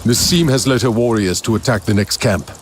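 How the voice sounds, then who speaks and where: A man's voice: on the low side, brisk, slight background noise, close to an everyday voice. Man playing a grave, stern warrior leader. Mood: grim, resolute. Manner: grave, formal. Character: stern, self-blaming male clan warrior leader. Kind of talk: video game dialogue.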